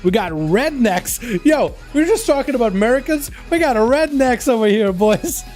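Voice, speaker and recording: Faint music sits beneath this young Russian livestream host, whose voice is high yet mellow and animated at a moderate pace. He casually calls video game duels and chats with his audience, addressing them as "boys."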